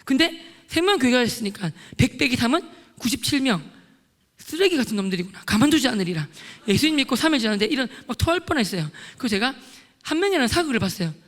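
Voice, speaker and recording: A middle-aged man gives a lively testimony at a church prayer meeting, acting out his scenes loudly. His voice sits high and he talks at a rapid clip. Long church-hall reverb trails every phrase. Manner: excitable storyteller, acts out scenes loudly. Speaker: lay deacon giving testimony. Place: church sanctuary.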